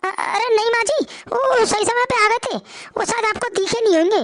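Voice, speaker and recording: A woman's voice: very high voice, normal speed, a bit bright, dry recording, studio quality. A woman voicing a timid young daughter-in-law who stammers and hesitates. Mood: anxious.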